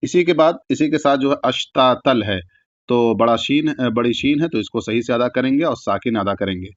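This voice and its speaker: A man teaches Quran recitation at a medium pitch, chanting every verse slowly with long, stretched-out sounds before quickly explaining the rules in ordinary speech. The recording has no echo and its high frequencies are cut off.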